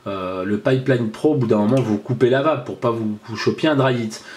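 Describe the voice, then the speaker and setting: A man giving a casual hands-on product review, chatty and halting with frequent fillers and restarts. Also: mid-range voice.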